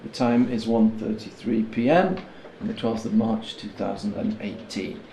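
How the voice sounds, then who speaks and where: A police sergeant conducting a recorded interview, formal and questioning, growing skeptical. His mid-pitched voice echoes in a roomy interview room with faint noise. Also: moderate pace, vocal fry, mellow.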